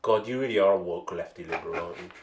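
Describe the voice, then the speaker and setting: A man's voice: deep voice, very fast. Guy ranting on a comedy pod, moany, echoey room, bit of noise. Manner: ranting, grumbling. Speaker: podcast co-host. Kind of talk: casual comedy podcast chat.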